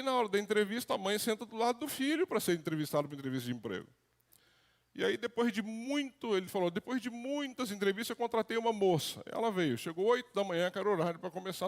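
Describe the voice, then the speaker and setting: Man, middle-aged pastor; chatty sermon delivery, slightly high pitch, long church reverb. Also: very animated, quick pace, creaky. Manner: conversational preaching with acted quotes. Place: church hall.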